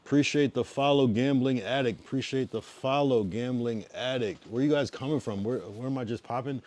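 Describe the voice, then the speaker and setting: A man in his thirties from the US East Coast, Massachusetts and Connecticut, chats with livestream viewers in a medium-pitched voice at normal speed. He is laid-back and casual, drifting from loud to mumbly as his sentences trail off.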